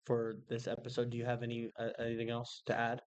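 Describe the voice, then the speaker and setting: A man's voice: medium pitch, monotone, fast talker, smooth, lo-fi sound. Laid-back slangy man co-hosting a podcast. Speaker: podcast co-host. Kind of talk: casual chat.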